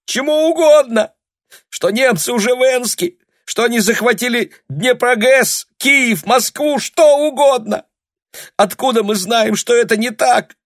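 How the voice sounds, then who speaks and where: A man voicing a hot-tempered, tearful young woman who shouts and burrs her r's, in an audiobook. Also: expressive, unhurried, no room sound, studio quality. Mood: hysterical. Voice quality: burred r. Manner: shrill, shouting.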